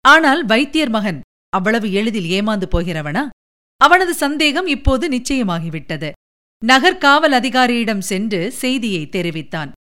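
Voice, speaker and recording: A woman narrates a historical tale in a scripted, expressive reading. Her voice is smooth and resonant, and sits somewhat high for a woman.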